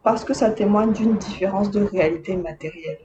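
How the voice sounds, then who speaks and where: Her mid-range voice is warm and fairly quick, though the highs are cut off and there's slight background noise. This Madagascar-born video essayist, raised in Côte d'Ivoire and France, chats to viewers casually, tossing in wry, slangy asides.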